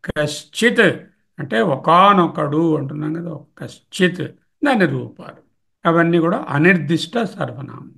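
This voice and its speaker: Gravelly-voiced male Sanskrit teacher. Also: on the high side, pushed and bright. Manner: explains in Telugu mixed with English terms, lists forms aloud. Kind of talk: grammar lecture.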